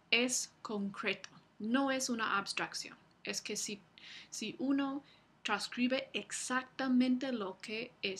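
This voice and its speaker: A woman university lecturer giving a recorded lecture, explaining slowly with frequent fillers and restarts. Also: a little high, a bit bright, husky.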